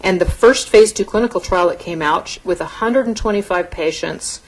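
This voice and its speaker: Middle-aged woman, physician lecturer; conversational explanatory delivery, slightly low pitch. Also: moderate pace, poor audio. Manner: explanatory, conversational, occasional restarts. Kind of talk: medical lecture to an audience.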